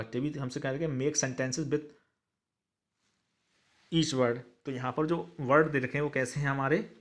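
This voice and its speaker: Male teacher, Indian English accent, mid pitch, slow word-by-word dictation with translations. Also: a bit bright. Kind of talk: explaining a textbook lesson.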